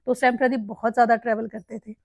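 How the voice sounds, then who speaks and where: A middle-aged woman with a Haryanvi accent talks in a casual, heartfelt vlog chat, rambling and emotional and calling her listeners "bhai". Her voice sits fairly high. The sound is dry and close, with no room around it. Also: level tone, very fast, creaky, darkish tone, no echo, muffled recording. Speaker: mother and family vlogger.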